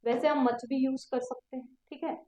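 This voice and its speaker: A woman's voice: high voice, steady tone, normal speed, dark tone, reverberant, lo-fi sound. A woman teaching an exam prep lesson, who explains step by step, repeats key words and keeps quizzing her students. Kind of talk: online exam coaching lesson.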